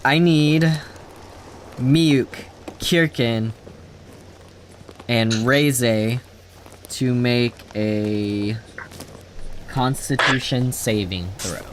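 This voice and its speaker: A man running a tabletop game as dungeon master, relaxed and casual, laughing often and filling his scene descriptions with ums. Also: medium pitch, extremely slow, pauses often, slight background noise.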